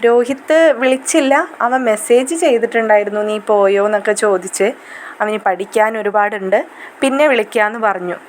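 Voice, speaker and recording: A woman's voice: medium pitch, a little fast, a little hiss or hum, natural voice. A woman voicing a caring elderly father, fond and protective toward his daughter, in a retold serial story.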